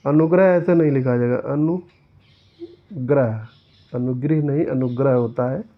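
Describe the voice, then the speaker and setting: A man walks through exam answers as a teacher, reading each question aloud before correcting it step by step. His voice sits at an ordinary middle pitch. The sound is thin and tinny, as if heard over a phone. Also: fairly quick. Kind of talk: exam-prep lesson explaining answers.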